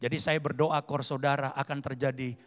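A male pastor preaching a sermon, swinging between loud fervent reading and low chatty asides. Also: little pitch movement, brisk. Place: large convention hall. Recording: long hall reverb.

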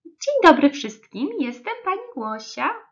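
A woman's voice: sits high, sing-song, measured pace, muffled recording, voice pushed up, heavily acted. A woman voicing a cheerful female moose kindergarten teacher, chirpy and kindly.

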